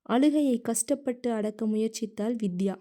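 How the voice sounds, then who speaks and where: A woman narrating a romance novel in a steady, expressive reading. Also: on the high side, normal speed. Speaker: audiobook narrator.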